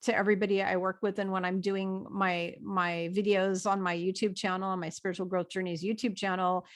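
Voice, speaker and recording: A woman's voice: mid-range voice, level tone, fairly quick. A woman guest who talks about her spiritual work in a chatty, enthusiastic, rambling way. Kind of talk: casual video interview chat.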